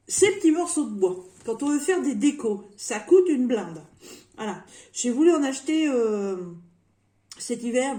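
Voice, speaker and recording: A woman's voice: medium pitch, dark tone, roomy sound. A woman in her fifties chatting casually through a shopping haul at home, rambling and joking with lots of fillers and repeated words. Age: 50s. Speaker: vlogger showing a shopping haul.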